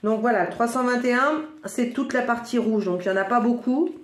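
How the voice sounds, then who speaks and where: A woman's voice: on the high side, brisk. Enthusiastic northern French woman, roomy echo. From northern France. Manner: chatty and enthusiastic, full of little exclamations. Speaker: crafts vlogger. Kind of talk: casual product unboxing.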